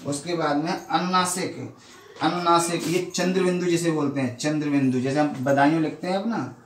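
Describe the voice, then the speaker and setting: Male Hindi teacher with a Badaun accent, slightly higher voice, keeps quizzing and answering himself, recorded off-mic in an echoey room. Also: moderate pace, far from the mic, a little hiss or hum. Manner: asks questions and answers them himself. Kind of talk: classroom lesson.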